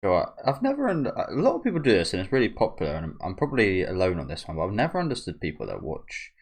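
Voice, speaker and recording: A man's voice: deep voice, huge pitch swings, fast talker, slightly rough. A man giving casual, rambling reaction commentary as the host of a video channel.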